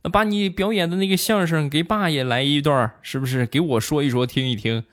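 A man's voice: fairly high pitch, brisk, no echo, studio quality, pitched above the performer's own voice, close to an everyday voice. Man doing a jolly coaxing dad. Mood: pleased. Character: cheerful father, coaxing his small son.

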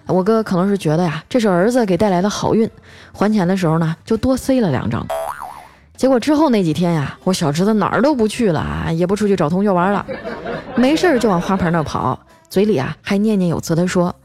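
A woman's voice: mid-range voice, very animated, fast, darkish tone. Chatty woman telling comic stories. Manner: chatty, with frequent filler particles. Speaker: comic storyteller. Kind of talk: comic storytelling monologue.

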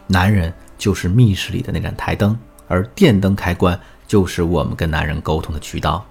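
A man's voice: sits low, fairly even intonation, normal speed, creaky, darkish tone, breathy edge. A man teaching as a relationship coach, telling a student's story in a scripted lesson and speaking directly to the listener. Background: faint background music.

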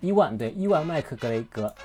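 Casting note: male podcast host, mellow low-key tone, chatty and rambling, faint music underneath. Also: big pitch swings, quick pace. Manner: rambling, self-correcting, looks things up mid-talk. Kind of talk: casual solo podcast chat.

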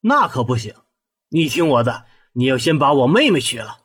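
A man playing a husky, brash brother. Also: mid-range voice, big pitch swings, moderate pace, fairly bright tone. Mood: pushy. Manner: brash, pushy, joking. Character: bold, teasing young officer brother.

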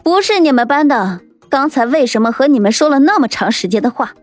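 A man's voice: very high-pitched, animated, fairly quick, no echo, soft background music, voice pushed up. A man voicing a fierce teenage girl gang leader, threatening and sneering, in an audiobook. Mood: menacing. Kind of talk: audiobook character voice.

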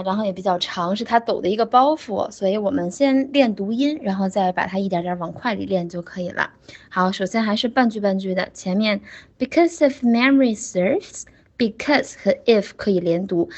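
A woman teaching pronunciation in an online class, slowly demonstrating words and correcting each student by name. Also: mid-range voice, lo-fi sound.

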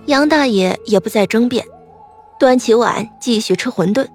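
A woman narrating a story in a lively, expressive way. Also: fairly high pitch, moderate pace. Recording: faint background music.

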